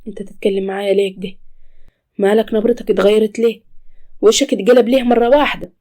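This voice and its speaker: A woman's voice: medium pitch, steady tone, fast talker, mellow, close to an everyday voice. A woman voicing a frightened, despairing young woman who talks in pleading, tearful tones.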